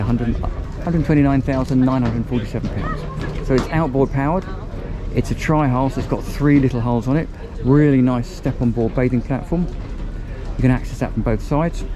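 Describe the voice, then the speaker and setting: An upbeat man talks his way through a boat on a point-of-view camera, chatty and thinking aloud as he moves. His voice sits at an ordinary middle pitch. Clear marina noise runs behind him. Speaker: boat reviewer giving a walkthrough tour. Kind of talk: casual walkthrough vlog. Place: outdoors on a marina pontoon and inside a small motor boat cabin.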